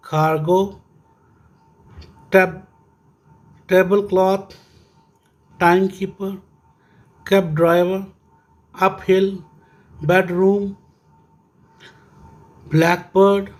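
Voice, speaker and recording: A man with a Pakistani accent teaching an English grammar lesson, speaking slowly and repeating key words as he checks whether his students are following. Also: sits high, darkish tone. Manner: slow, repetitive teaching with frequent "ji" checks; addresses students fondly, reads English text aloud.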